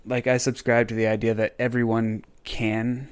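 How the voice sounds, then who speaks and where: A young man co-hosting a podcast, talking in a rambling, animated way with lots of fillers. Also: medium pitch, normal speed, clean tone. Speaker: podcast co-host. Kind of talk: casual chat.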